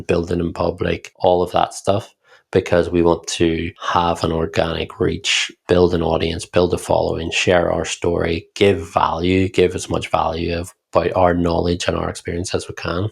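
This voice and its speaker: A man with a Northern Irish accent, co-hosting a podcast and calmly explaining how he built his business. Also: sits low, creaky, breathy edge. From Northern Ireland. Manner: reflective, explanatory, steady. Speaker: podcast co-host, founder. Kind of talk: casual podcast conversation.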